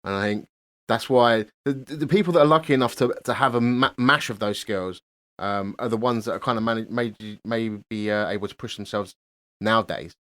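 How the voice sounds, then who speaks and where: A man hosting a podcast, talking in a relaxed, halting way. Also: on the low side. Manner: relaxed, hesitant with many ums and restarts. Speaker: podcast host. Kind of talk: casual podcast chat.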